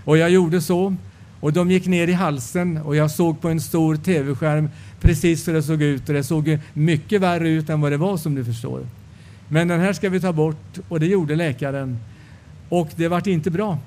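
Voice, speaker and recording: A man's voice: on the high side, fairly even intonation, warm tone. A male preacher giving a sermon testimony, telling the story and acting out the dialogue.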